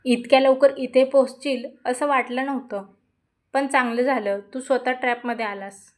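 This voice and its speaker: A woman's voice: high-pitched, fairly even intonation, normal speed, natural voice. A woman voicing a ruthless male businessman villain who speaks in cold threats. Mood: menacing.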